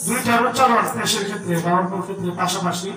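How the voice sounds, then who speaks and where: A man with a Bangladeshi Bengali accent leads a Quran reading lesson, chanting the letter sounds in a sing-song drill. His voice sits very high and moves at an unhurried, deliberate pace. He is recorded from a distance in an echoey room, with loud music underneath. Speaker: Quran teacher.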